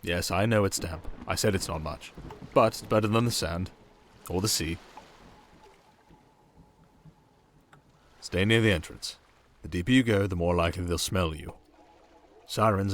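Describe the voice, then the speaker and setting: A British man with a low voice plays a sardonic, restrained, softly dangerous male siren in an intimate ASMR roleplay, lightly acted. He speaks to a single listener in a wry, guarded, hesitant and confiding way. Running water, rain and storm ambience sit behind him, along with slight background noise.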